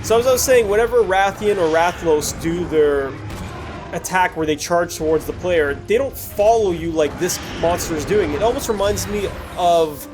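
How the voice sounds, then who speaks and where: With a noisy background behind him, a man hosting a gaming video talks through recorded gameplay at normal speed in a high-sitting voice. His commentary is casual and apologetic, drifting into digressions and backtracking often.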